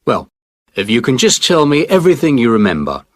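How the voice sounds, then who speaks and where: An actor playing a patient male police officer who calmly and reassuringly asks a witness for her statement in a scripted listening test. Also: mid-range voice, fairly quick, dry recording. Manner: calm, reassuring questioning.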